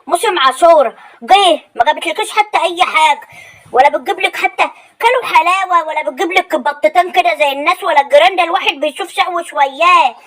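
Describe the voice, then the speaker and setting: A woman playing a shrill, bossy Egyptian mother-in-law. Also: a bit bright. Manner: complaining, bossy scolding. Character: nagging, demanding older mother-in-law. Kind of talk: comedy sketch acting.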